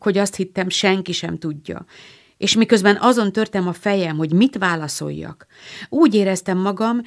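A woman's voice: medium pitch, natural voice. A woman reading as a shy, ashamed teenage girl. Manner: hesitant, apologetic. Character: gentle, ashamed older teenage sister.

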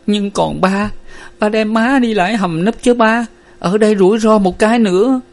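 A man puts on a grieving young daughter from a storybook, her voice lifted high and pleading. She speaks, tearful and urgent. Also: fairly quick, natural voice. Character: distraught young woman, frightened grieving daughter.

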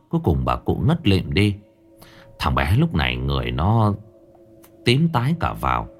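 A man narrating a ghost story in a dramatic, expressive way. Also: low-pitched. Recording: faint background music under narration.

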